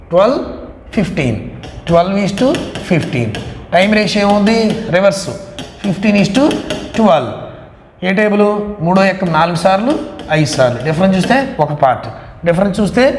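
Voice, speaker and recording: A man's voice: high-pitched, slight background noise. A man with a Telugu accent teaches maths in a mix of Telugu and English, posing questions and answering them himself. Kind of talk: classroom lesson working through problems. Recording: echoey hall-like room with long reverb.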